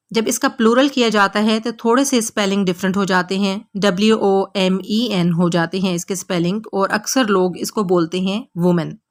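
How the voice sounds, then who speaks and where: A woman whose first language is Urdu, from Pakistan, presents an English lesson in scripted narration. She repeats words slowly for learners to copy. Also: mid-range voice. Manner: slow, repeated word drills for learners. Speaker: English teacher.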